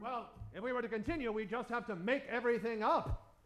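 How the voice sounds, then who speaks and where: Addressing a theater audience, a man hosts a live improv show done as a mock old-time radio broadcast, theatrical and tongue-in-cheek. His voice is very high-pitched and brisk. The stage sound is roomy and echoing.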